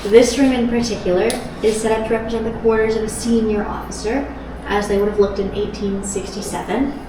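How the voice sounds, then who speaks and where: A woman guiding a ghost tour, telling spooky stories in a suspenseful way with dramatic pauses. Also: medium pitch, steady tone, music in the background. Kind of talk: storytelling ghost tour talk. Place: indoors in an old fort room. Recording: echoey stone room, distant mic, noisy.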